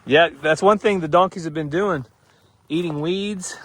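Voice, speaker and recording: A man hosts a casual farm vlog outdoors, talking in a folksy, teasing drawl. His voice sits a bit high for a man. Animals can be heard faintly around him. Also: normal speed, fairly bright tone. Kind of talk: casual chat.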